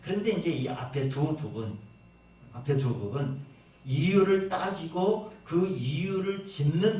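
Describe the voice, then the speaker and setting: A man's voice: a little high, a little mellow. A middle-aged man preaching a sermon as pastor, talking conversationally and acting out short quoted lines. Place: church sanctuary. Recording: echoey church room, voice from far off the mic.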